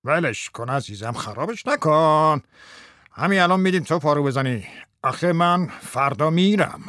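A man's voice: fairly high pitch, lively intonation, a bit bright, no room sound, clean studio sound. An actor playing a chatty, self-satisfied middle-aged husband and businessman in a radio drama. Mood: playful.

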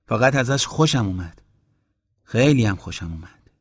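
A man's voice: mid-range voice, expressive, slight background noise, lightly acted. A man voicing a stubborn, kindhearted young man in a storybook reading. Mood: pleading. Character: stubborn kindhearted young man who keeps an old dog.

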